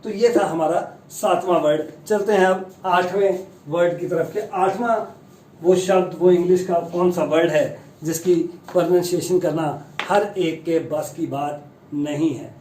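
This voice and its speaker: A man teaching the pronunciation of long English words, chatty and self-deprecating, slowly sounding out each word. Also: high-pitched, darkish tone, echoey room, distant mic, slight background noise, low-quality recording. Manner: slow, careful spelling-out of long English words. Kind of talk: Hindi-language pronunciation lesson.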